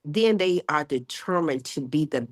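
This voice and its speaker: A woman in her sixties, a health educator talking as a guest in an interview, emphatic and lively, often acting out what people say. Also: sits low, measured pace, dry recording, studio quality. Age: 60s. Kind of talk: casual interview chat.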